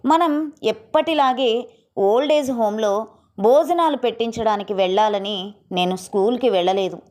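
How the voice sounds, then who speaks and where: Lady reading as a sad earnest little schoolgirl, pleading, voice on the high side. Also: normal speed, a little mellow, lightly acted. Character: young schoolgirl missing her late mother.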